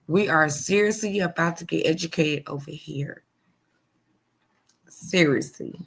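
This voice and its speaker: A woman in her forties chatting live with her viewers, leaning on her words and repeating herself for emphasis. She takes her time, unhurried, with a rough, gravelly fry running under her voice. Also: low-pitched, a bit bright. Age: 40s. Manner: emphatic and repetitive, addressing viewers directly. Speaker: livestream host. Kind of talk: casual live chat to supporters.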